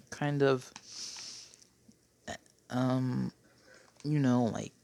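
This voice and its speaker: Gravelly guy rambling about his game, throat full of phlegm, dry close mic sound. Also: mid-range voice, steady tone, extremely slow, darkish tone, dry recording. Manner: rambling, keeps clearing his throat, tacks on "okay?". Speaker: Minecraft player. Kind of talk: casual gameplay commentary.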